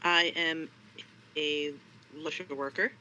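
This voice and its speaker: A woman's voice: sits low, fairly even intonation, slow, sharp tone. A woman who works as a sex therapist, calling into a radio show on a buzzy, glitchy line that keeps breaking up, answering in short, matter-of-fact statements. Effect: buzzy, glitchy call audio that breaks up. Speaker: sex therapist and social worker. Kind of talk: guest on a radio call-in show. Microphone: remote call connection. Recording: muffled call line, faint hiss.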